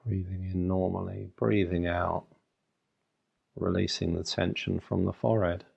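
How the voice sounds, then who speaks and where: Male meditation guide, very creaky and husky, unhurried short phrases, flat delivery. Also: low voice, muffled recording. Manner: soothing, unhurried instruction in short phrases with long pauses.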